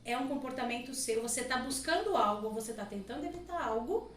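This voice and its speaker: A woman with a high voice explains her work as a podcast guest, talking at length and looping in little asides. She sits back from the microphone in an echoey room with a faint hiss underneath. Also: animated, fairly quick. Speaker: guest body analyst. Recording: echoey room, mic at a distance, faint noise.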